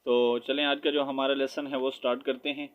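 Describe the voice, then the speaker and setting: Teacher, male, Pakistani Urdu accent, patient and drawn out, flat even delivery, smooth voice, dull lo-fi sound. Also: medium pitch. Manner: patient, repeats "theek hai", drawls syllables. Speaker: Quran recitation teacher. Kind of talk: online lesson, spelling out and reciting slowly.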